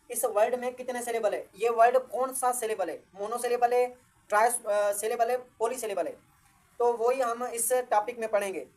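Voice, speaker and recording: A woman teaches grammar in a fairly high voice. She works through each point by asking a question and then answering it herself. English definitions come out slowly and with care. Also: a little mellow. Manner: slow, deliberate reading of English definitions. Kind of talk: classroom-style grammar lesson.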